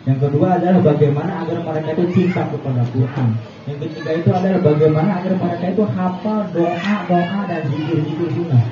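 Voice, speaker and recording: A man giving a casual religious talk to parents, chatty and quick to chuckle, often asking the audience questions. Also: on the high side, crowd noise. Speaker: preacher addressing parents. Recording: echoey, distant, dull, noisy room recording.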